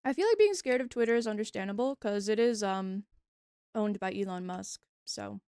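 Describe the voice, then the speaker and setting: A young woman streamer chatting casually with her viewers, bubbly and talkative, reacting loudly to the chat. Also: medium pitch, expressive, moderate pace, clear, resonant tone, dry recording, studio quality.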